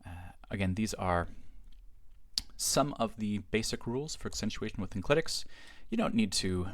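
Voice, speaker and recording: A man teaching a recorded grammar lesson in a measured, explanatory way, reading each example form slowly. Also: low-pitched, no room sound. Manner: measured, explanatory, reads Greek forms slowly. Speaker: Greek teacher.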